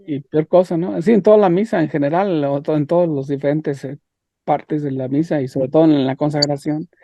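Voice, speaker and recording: A man teaching an online religion class, talking haltingly with repeated words and rhetorical questions. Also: a little high, fairly even intonation, warm tone, slight background noise. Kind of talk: leading an online class discussion.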